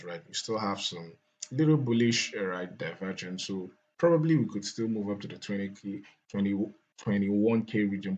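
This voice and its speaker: A man talking through market charts, repeating words often and filling pauses with "uh". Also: deep voice, fairly bright tone, slightly rough. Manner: repeats words, many fillers and restarts. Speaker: crypto market analyst. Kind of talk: chart analysis talk.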